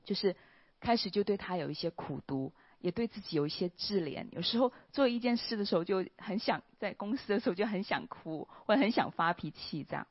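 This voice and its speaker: Woman, church testimony, earnest and hesitant, mid pitch, muffled dry recording. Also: animated, slightly rough, no room sound. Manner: earnest, with soft pauses and a trailing "ha" particle. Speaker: church member giving testimony. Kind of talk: personal testimony. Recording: dull, slightly lo-fi, dry recording.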